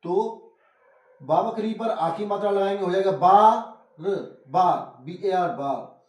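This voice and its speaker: A man's voice: high voice, slow. A man teaching phonics, spelling out letters one by one and calling his viewers friends. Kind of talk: phonics lesson. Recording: echoey room, voice from a distance.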